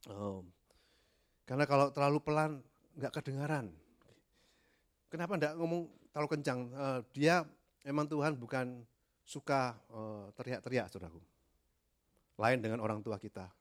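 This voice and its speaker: A middle-aged man preaching a sermon, gentle and hesitant, with many fillers and English words mixed in. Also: medium pitch, normal speed, long pauses.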